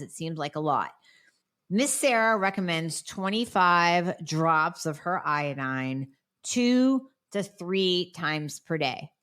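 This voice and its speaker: With a slightly bright, lowish voice, a female physician answers listeners' questions alone on her podcast. Her delivery is forceful and direct, laced with sarcasm, and a lingering cold leaves her sounding nasal.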